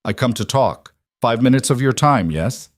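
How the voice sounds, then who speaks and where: A man voicing a huge scarred male fighter who talks slowly and gravely, with a heavy accent and broken grammar. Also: mid-range voice, animated, no echo, studio quality, lightly acted. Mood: solemn.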